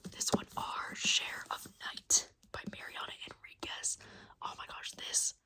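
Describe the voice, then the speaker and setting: Whispering young woman, soft ASMR chat. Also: unhurried. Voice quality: breathy unvoiced whisper. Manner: repeats phrases softly. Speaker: ASMR video host.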